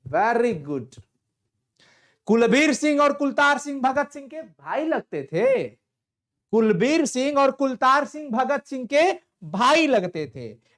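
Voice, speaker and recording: A man's voice: very high voice, a bit bright. A man teaching a live online exam-prep lesson, quizzing students and repeating each answer with playful asides.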